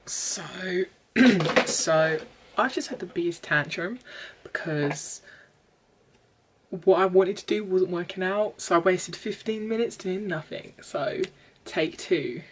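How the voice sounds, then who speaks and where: A woman's voice: lowish voice, takes it slowly, soft background music. Chatty self-mocking young woman vlogger. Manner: chatty, self-deprecating, bursts into excited squeals. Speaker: beauty vlogger. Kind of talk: chatty get-ready-with-me vlog. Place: her bedroom.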